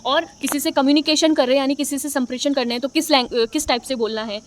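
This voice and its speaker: A woman's voice: sits high, steady tone, fast, a little hiss or hum. A young woman teacher giving an exam-prep lecture, explaining patiently, repeating her points and often checking in with her listeners. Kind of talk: exam-prep lecture in Hindi mixed with English.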